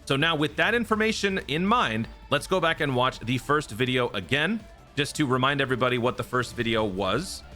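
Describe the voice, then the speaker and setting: With soft background music behind him, a YouTube gaming host, not a native Japanese speaker, speaks in an expressive, brisk, sharp-toned medium-pitched voice. He casually explains teasers and speculates, chatting and tagging lines with "right?" again and again.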